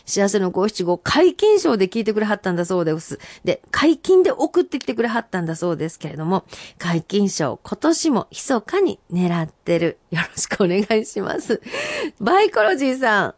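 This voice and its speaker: A woman with a Kansai accent hosting a radio show, warmly reading out listeners' short poems in a playful way. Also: dry recording. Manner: lively, playful, recites poems slowly with big pitch jumps.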